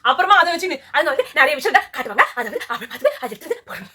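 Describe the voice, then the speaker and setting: High, quick woman reviewer, scornful and lively, casual chat. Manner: animated, mocking, talks over her co-host. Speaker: reality show reviewer.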